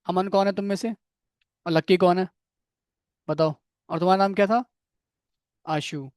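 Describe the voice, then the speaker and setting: This man teaches a coding class in a high, slightly mellow voice with fairly even intonation and normal speed. Step by step he explains, calls on students by name to quiz them, and repeatedly asks "theek hai." Studio-quality audio, no room sound.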